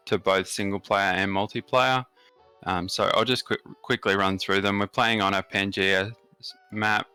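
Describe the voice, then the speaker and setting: Speaking with an Australian accent, this gaming channel host gives casual commentary on a strategy game, detailing settings and bonuses with frequent fillers. His voice sits on the low side and sounds bright, forceful, clear and resonant.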